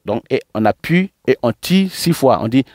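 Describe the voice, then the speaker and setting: A man's voice: mid-range voice, lively intonation, a little mellow, dry recording, clean studio sound. A man teaching pronunciation, drawing out and repeating syllables one by one in a patient lesson. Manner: slow, drawn-out syllable drills, repeating words. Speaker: Quran teacher.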